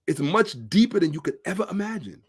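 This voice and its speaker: A man's voice: high voice, animated, fast talker, slightly rough. Emphatic male commentary host. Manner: emphatic, repeats phrases, rhetorical questions. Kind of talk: social commentary monologue.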